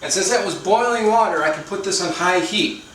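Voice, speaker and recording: A man talking through a home cooking vlog, slightly high-pitched, with dry, self-mocking humor. He sounds a little away from the mic in a very echoey kitchen, with faint noise underneath. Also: fairly quick, fairly bright tone, far from the mic. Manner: dry self-deprecating humor, chatty asides. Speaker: cooking channel host.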